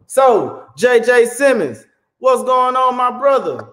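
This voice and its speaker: A man hosting a casual livestream interview, animated and repeating his words as he hypes the audience. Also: extremely high pitch, slow. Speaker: host. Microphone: phone.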